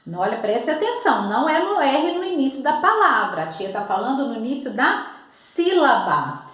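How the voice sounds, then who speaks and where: A woman's voice: high voice, sing-song, moderate pace, fairly bright tone. Brazilian woman, primary teacher, spelling lesson, over-enunciated, very echoey room. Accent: Brazilian Portuguese. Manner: patient, over-enunciating, addresses the child directly. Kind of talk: slow, sing-song spelling lesson for young children.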